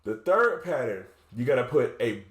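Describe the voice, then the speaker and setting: A drumline instructor's mid-range voice has a sing-song quality and a normal speed as he casually breaks down drum rudiments step by step. He demonstrates on a drum, thinking aloud and correcting himself along the way. Drumming echoes around the room.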